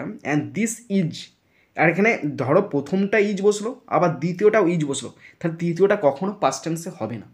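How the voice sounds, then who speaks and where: Man teaching grammar, spelling words aloud. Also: a little high. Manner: explains step by step, spells words letter by letter; checks understanding with repeated questions. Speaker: English teacher. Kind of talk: classroom grammar lesson.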